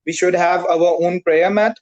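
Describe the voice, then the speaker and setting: A man's voice: high-pitched, steady tone, dull audio. Hesitant man. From Pakistan. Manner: careful, hesitant, frequent "uh" pauses. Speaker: English learner. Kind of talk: conversation practice. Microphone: video call.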